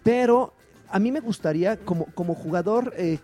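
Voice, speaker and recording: Laid-back man, high mellow voice. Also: moderate pace, soft background music. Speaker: podcast co-host. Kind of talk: casual chat.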